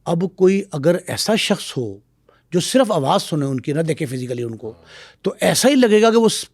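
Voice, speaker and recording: Man, middle-aged, talk-show guest, high lively voice, storyteller, dry sound. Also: dry recording. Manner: lively, acts out quoted voices. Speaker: guest expert.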